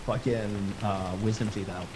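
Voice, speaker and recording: A man's voice: fairly low pitch, fairly even intonation, a little slow, a loud crowd, poor audio. A man live streaming, chatting casually with friends over a game in teasing, sweary banter. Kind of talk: casual group chat while gaming.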